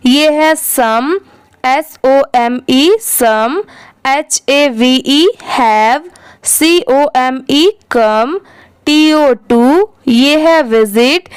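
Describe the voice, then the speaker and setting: A woman's voice: high voice, extremely slow, clear, resonant tone, no room sound. A woman teaching English reading, spelling each word out letter by letter, blending the parts, and putting questions to the viewer. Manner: spells words letter by letter, then blends them; asks rhetorical questions to the viewer. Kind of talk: slow spelling-out lesson.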